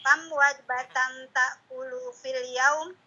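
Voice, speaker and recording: A woman student reading an Arabic dialogue aloud in an online class, slowly and carefully. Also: sits high, level tone, pushed and bright, dull audio, a little hiss or hum.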